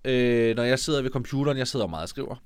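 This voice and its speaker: A man co-hosting a casual comedy podcast, joking playfully and reading listener stories aloud with lively quoted voices. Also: mid-range voice, clear, resonant tone, no echo, clean studio sound. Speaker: podcast co-host.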